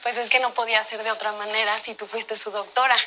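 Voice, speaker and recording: An actress playing a cheerful, admiring doctor friend in a telenovela. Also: female voice, on the high side, flat delivery, fast talker, background noise, lightly acted. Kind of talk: telenovela acting.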